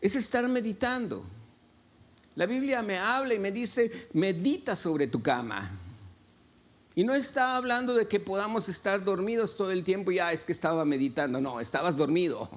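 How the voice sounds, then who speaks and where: A man's voice: high voice, very animated, normal speed. A man, a pastor preaching a sermon and asking his congregation questions. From Mexico. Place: church.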